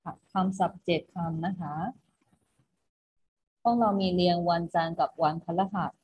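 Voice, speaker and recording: A woman's voice: lowish voice, moderate pace, breathy edge. A woman teacher giving an online class, patiently repeating each instruction. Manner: patient, repeats herself with a polite particle at each phrase end. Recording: muffled recording with faint noise.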